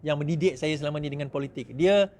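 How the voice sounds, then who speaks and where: A middle-aged man with a Malaysian accent, giving an animated speech to supporters, mimicking others in quick asides and laughing often. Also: on the high side. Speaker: politician speaking to supporters.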